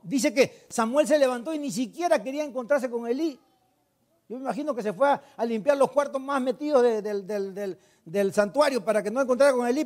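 High-voiced man preaching a sermon. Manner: asks the congregation questions and answers them himself; retells scripture with emphatic, animated delivery. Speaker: pastor.

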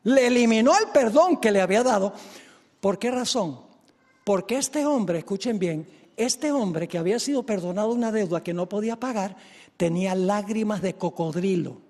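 A man preaching a sermon, telling a story with lively delivery and speaking straight to his congregation. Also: high voice, normal speed. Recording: echoey hall reverb.

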